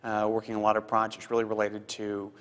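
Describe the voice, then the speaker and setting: Guy in his 30s from costa rica, lowish voice, pretty flat, lots of uh's answering interview stuff. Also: smooth. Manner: earnest, halting with many uh fillers and repeats. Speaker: foundation program officer. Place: office.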